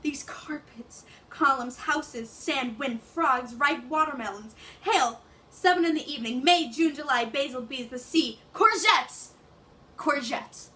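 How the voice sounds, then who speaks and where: A woman's voice: sits high, measured pace, pushed and bright. A young woman performing a male monologue as a grieving, lovestruck man, in a mounting, impassioned delivery. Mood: passionate. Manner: building intensity, listing things. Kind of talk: dramatic monologue recitation.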